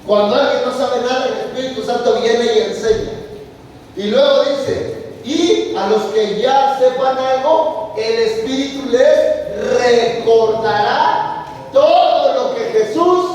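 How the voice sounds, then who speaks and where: A man's voice: very high-pitched, takes it slowly, darkish tone, slight background noise. A man preaching a sermon as pastor, with emphatic rising and falling delivery, recorded from a distance in a large church hall. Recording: echoey hall heard from a distance.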